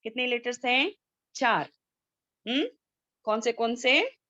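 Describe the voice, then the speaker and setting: A woman teaching Quran recitation in an online class, asking students questions and slowly drilling sounds. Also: fairly high pitch, lively intonation, sharp tone, no room sound. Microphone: video call. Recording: dull lo-fi video call audio.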